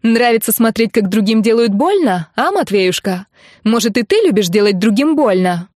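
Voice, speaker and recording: A woman reading an audiobook voices a fierce young blonde woman who talks rudely and combatively, often shouting. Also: a little high, expressive, normal speed, no room sound, studio quality, close to an everyday voice. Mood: jeering. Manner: rude and combative, shouting and jeering.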